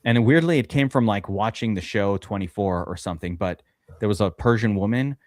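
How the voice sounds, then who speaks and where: A man's voice: fairly low pitch, brisk, a little mellow, dry recording. A man, hosting a live fantasy football stream and telling a long, rambling story with lots of swearing and fillers. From USA. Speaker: podcast host drafting fantasy football. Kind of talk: casual live-stream chat.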